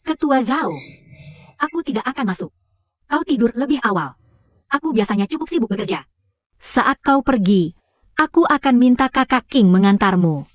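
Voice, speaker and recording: A woman's voice: fairly high pitch, lively intonation, moderate pace, long pauses, natural voice. A woman dubbing an earnest young daughter in a TV drama, speaking in a reflective manner. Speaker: dubbed drama character. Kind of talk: dubbed TV drama acting.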